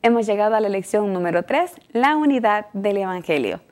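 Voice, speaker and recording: A woman hosts a Bible study program in a TV studio. She greets her guests warmly and keeps the talk moving with questions. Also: mid-range voice, animated, fairly quick. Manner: welcoming, asks questions to guests. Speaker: host.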